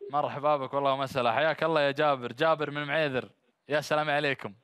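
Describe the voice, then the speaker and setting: A man's voice: a little high, fairly even intonation, rapid-fire, fairly bright tone, smooth, no room sound. A man with a Gulf Arabic accent hosting a TV phone-in quiz, bantering with callers and encouraging them with blessings. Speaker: game show host. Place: small studio set dressed as instrument shop. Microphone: headset microphone.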